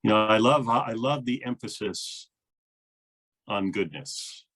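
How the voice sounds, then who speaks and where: A man's voice: fairly low pitch, measured pace, fairly bright tone. A man, a minister, interviewing a guest in an earnest, thoughtful way with frequent fillers. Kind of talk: reflective conversation.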